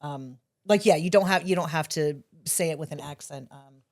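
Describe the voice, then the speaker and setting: A woman who owns a bakery, a podcast guest, talking in an animated, gushing way. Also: low-pitched, moderate pace, no room sound. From Ontario, Canada. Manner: animated, gushing, laughs easily. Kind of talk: casual chat.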